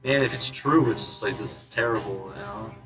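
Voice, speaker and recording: A man's voice: on the low side, brisk, a bit bright, soft background music. A man hosting a casual rambling monologue, swearing and laughing to himself as he wanders between thoughts. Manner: rambling, profane, laughing asides. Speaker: host.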